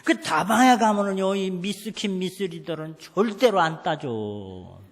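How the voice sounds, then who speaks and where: A middle-aged man preaches a homespun sermon, acting out scolding family scenes and asking the people to repeat phrases after him. His voice sits very high and swings widely in pitch. The long reverb of the church hall trails behind every line. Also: lively intonation, measured pace. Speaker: pastor. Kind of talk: folksy sermon. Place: church sanctuary.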